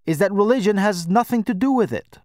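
Man reading as a blustery Afghan dad, opinionated, emphatic, scornful, voice pushed higher, dry close sound. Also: expressive, a little fast, a little mellow, no room sound. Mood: scornful lecturing. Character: opinionated, blustery middle-aged Afghan father. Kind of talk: audiobook character voice.

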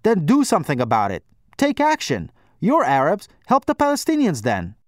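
A man's voice: high-pitched, huge pitch swings, moderate pace, dry recording, studio quality, pitched above the performer's own voice. A man voicing an opinionated, blustery middle-aged Afghan father in an audiobook, lecturing emphatically and with scorn. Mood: scornful lecturing. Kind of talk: audiobook character voice.

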